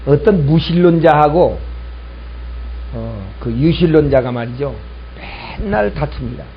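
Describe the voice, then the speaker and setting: A man's voice: fairly high pitch, animated, measured pace, highs cut off, slight background noise. A male pastor preaching a sermon, telling a story and acting out both sides of an argument, repeating key lines for emphasis.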